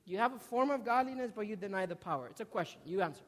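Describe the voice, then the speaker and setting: In a large indoor hall filled with long reverb, a man in his twenties delivers a sermon in a very high-pitched voice, animated and very fast. He emphatically repeats key words, shifting between loud stresses and quieter asides, and frequently questions the congregation before him.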